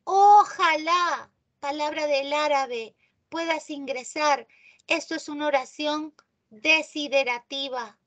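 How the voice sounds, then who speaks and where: A woman teaching a live online grammar class. She often checks in with her students and stresses key terms slowly. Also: sits high, fairly even intonation, bright, forceful tone. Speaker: language teacher.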